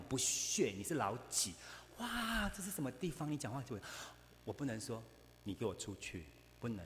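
Man preaching in a big echoing hall, animated anecdotal delivery. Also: mid-range voice, a little hiss or hum. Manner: animated storytelling, acting out both sides of dialogue. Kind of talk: sermon.

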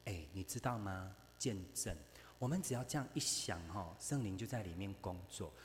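Man preaching in a big echoing hall, animated anecdotal delivery. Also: fairly low pitch, normal speed, slight background noise. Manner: animated storytelling, acting out both sides of dialogue. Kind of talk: sermon.

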